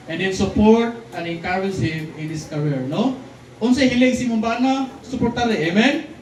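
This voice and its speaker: High-voiced preacher in an echoey hall. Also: male voice. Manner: lively, keeps asking the crowd "di ba?" and "no?"; switches between Cebuano and English lines. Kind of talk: sermon. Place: church hall. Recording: echoey hall, distant mic, faint noise.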